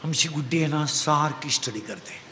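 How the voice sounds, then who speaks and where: A man voicing a boastful mother who brags about her daughter in a low, muttering gossip tone. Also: moderate pace, bright, forceful tone, echoey room, big-room sound.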